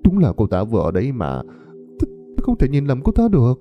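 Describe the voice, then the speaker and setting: A man's voice: mid-range voice, huge pitch swings, fairly quick, muffled recording, soft background music, voice pushed up. A man voicing a terrified, guilt-ridden young man who stammers in panic.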